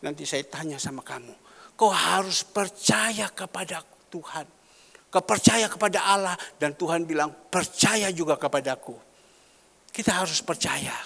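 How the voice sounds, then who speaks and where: Preacher, male; lively storyteller who mimics voices; gravelly, long church-hall reverb. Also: on the high side, moderate pace. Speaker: pastor. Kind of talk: sermon.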